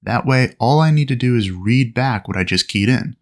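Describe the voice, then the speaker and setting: A man with a mid-range voice narrates a flight lesson as an instructor, speaking at a moderate pace with an animated delivery. He explains procedures clearly and methodically, using aviation radio phraseology.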